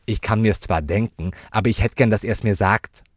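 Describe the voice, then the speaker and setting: A man voicing a cheeky, foul-mouthed little girl who talks loud and blunt in a storybook reading. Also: fairly low pitch, normal speed, dry recording, studio quality, voice pushed up, close to an everyday voice. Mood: defiant.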